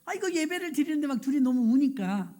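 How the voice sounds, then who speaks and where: A middle-aged woman pastor telling a lively story in a sermon, acting out the people she quotes. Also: high-pitched, fast. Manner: lively anecdotal storytelling, acts out quoted voices.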